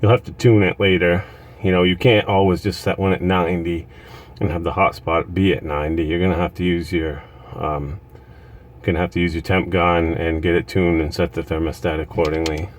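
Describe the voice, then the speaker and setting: A man's voice: deep voice, little pitch movement, brisk. A man giving a casual how-to while lying on his stomach inside a reptile rack, so his voice has a hollow, cave-like echo and rambles with fillers. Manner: rambling, with many fillers and restarts. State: lying on his stomach, reaching into a tight space. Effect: hollow cave-like echo from talking inside a reptile rack. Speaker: reptile keeper showing his setup.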